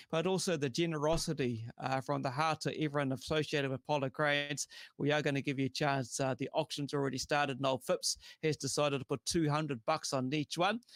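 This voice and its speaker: A man's voice: a little high, no echo, clean studio sound. A man with a broad New Zealand accent hosting a casual motorsport chat show in a blokey, slangy, effusive way. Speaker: show host.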